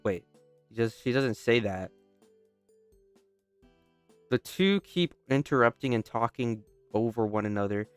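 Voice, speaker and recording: Young guy reading his game out loud, joking around, smooth clear voice, dry close mic. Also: mid-range voice, measured pace, pauses often, dry recording, faint music behind. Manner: reads aloud, breaks off to joke and restart lines. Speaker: gamer. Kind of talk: casual let's-play narration.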